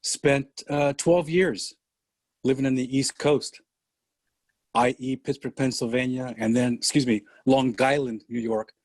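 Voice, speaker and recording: An older man from San Francisco speaks slowly and deliberately as a podcast guest, leaving pauses as he tells his story. His voice sits in a middling register and sounds close and dry, with no room around it. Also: medium pitch, fairly even intonation, dry recording. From San Francisco, USA. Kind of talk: conversational interview.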